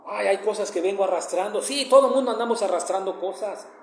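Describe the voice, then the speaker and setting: A man's voice: sits high, quick pace, echoey room, slight background noise. A man with a northern Mexican accent, giving a devotional meditation in a conversational, earnest way that often turns emphatic. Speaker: preacher.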